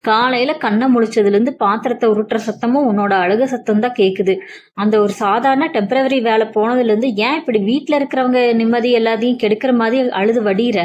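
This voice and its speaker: A scornful, sharp-tongued older mother-in-law in a family storybook tale, put on by a woman narrator. She scolds and taunts in a fairly high voice. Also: brisk, highs cut off, natural voice.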